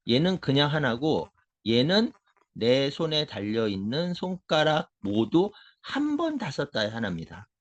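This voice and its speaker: A man's voice: mid-range voice, muffled recording. A middle-aged man, a math tutor, explaining a concept to parents in an emphatic lecture style, asking questions and answering them himself. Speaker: math tutor and education consultant.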